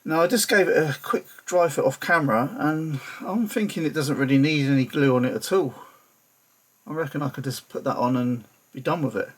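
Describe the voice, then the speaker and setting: A man's voice: on the high side, fairly quick, husky. A man talking casually through a figure-painting tutorial at his workbench, muttering to himself as he works and holding his breath over the fiddly bits. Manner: chatty, muttering to himself while working. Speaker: hobbyist toy customizer.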